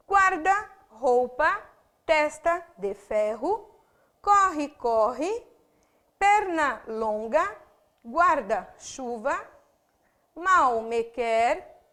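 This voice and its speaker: A woman teacher with a Brazilian Portuguese accent, lecturing on grammar. Her voice sits high and swings widely up and down. She draws out example words slowly to stress each syllable and corrects her own small slips as she goes.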